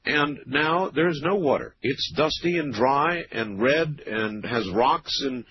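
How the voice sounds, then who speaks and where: A man hosting a late-night radio call-in show with a smooth radio host delivery, relaxed and conversational, pausing often with "uh" and "um". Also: medium pitch. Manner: relaxed, conversational, with frequent "uh" and "um" pauses. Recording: dull lo-fi radio broadcast with faint hiss.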